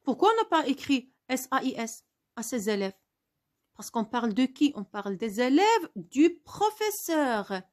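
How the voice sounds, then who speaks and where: A woman's voice: high voice, sing-song, measured pace. A woman teaching a spelling lesson, spelling words out letter by letter and asking questions she answers herself.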